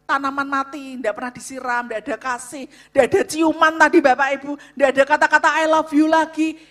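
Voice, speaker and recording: A woman speaking to a church congregation about marriage, loud and emphatic, often turning to address the audience. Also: high-pitched, steady tone, quick pace. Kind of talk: sermon-style talk to a congregation.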